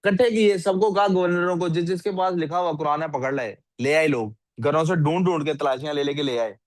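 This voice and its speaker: Guy teaching a class, keeps asking students stuff, kinda high voice. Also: brisk, no echo. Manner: asks the class frequent questions, scolds sleepy students. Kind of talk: classroom lecture.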